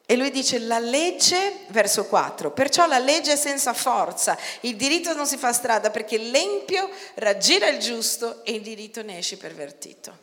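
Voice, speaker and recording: A woman preaching a sermon in an animated way, swinging between quiet talk and loud outcries. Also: a little high, normal speed, few pauses. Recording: long hall reverb.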